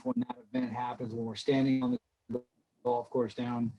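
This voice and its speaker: Male golf coach on a shaky video call, halting delivery with restarts, dull lo-fi sound. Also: mid-range voice, flat delivery, gravelly, soft background music. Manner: halting, with many stammered restarts. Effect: on a video call with a poor connection. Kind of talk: speaking in a virtual season preview. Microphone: computer on a video call.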